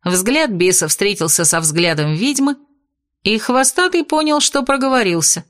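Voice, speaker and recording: A woman reading fiction aloud in a lively, dramatic narrating manner. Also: mid-range voice, normal speed. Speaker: audiobook narrator.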